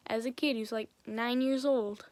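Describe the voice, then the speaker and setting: A woman's voice: fairly high pitch, steady tone, moderate pace, a little mellow, dry recording. A woman giving a casual, rambling film recap, stringing events together one after another with "and then". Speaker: film reviewer.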